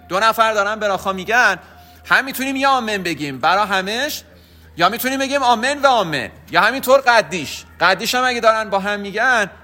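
Man, religious teacher, high bright voice, patient explainer. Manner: explanatory, patient, repeats key points. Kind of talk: religious lesson.

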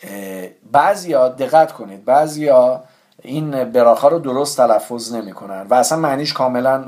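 A man's voice: medium pitch, darkish tone. A man teaching a religious lesson in a careful, explanatory way, stressing how each word must be pronounced.

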